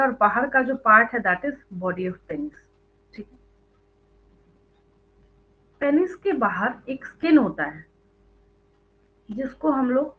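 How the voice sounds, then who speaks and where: A woman teaching biology in an online class, explaining step by step, asking her students questions and repeating the answers, with English terms mixed into her speech. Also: fairly high pitch. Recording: tinny phone-like online audio.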